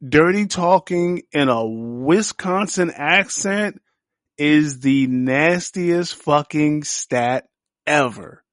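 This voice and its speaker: A man's voice: fairly high pitch, takes it slowly, no room sound, studio quality. A young man hosting a podcast, reviewing a series in a crude, joking, slangy riff full of profanity. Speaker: podcast host.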